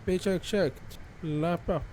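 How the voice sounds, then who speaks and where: A man's voice: high voice, slow, darkish tone, a little hiss or hum. A man flying a flight simulator online, giving terse pilot-style cockpit callouts and checklist items.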